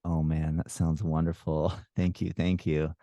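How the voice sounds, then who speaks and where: A man's voice: rumbling low, little pitch movement, a little slow, no room sound, studio quality. A man hosting a podcast, asking questions in a friendly, appreciative way. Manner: warm, appreciative, laughs easily. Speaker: podcast host. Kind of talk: casual interview conversation.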